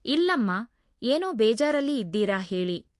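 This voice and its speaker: A woman's voice: a little high, big pitch swings, normal speed, no echo, studio quality. A woman voicing a caring young female housemaid who speaks in a soothing, coaxing way. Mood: pleading. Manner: soothing, pleading.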